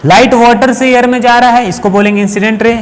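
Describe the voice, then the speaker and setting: A man's voice: very high-pitched, fairly even intonation, fast, long reverb tail. A man teaching a physics lesson to school students, explaining step by step and asking and answering his own questions, speaking. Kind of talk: classroom lecture.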